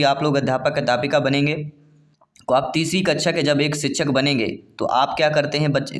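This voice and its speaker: Speaking in a slightly high voice, a man works through exam-prep material, first reading each question out loud and then walking his "dear friends" in the audience through it.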